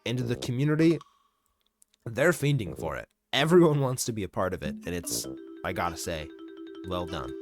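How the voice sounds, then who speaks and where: Lively low-voiced man reviewing a game. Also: normal speed. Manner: casual, enthusiastic, with mild swearing. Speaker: gaming commentator. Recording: voice-over with clear background music.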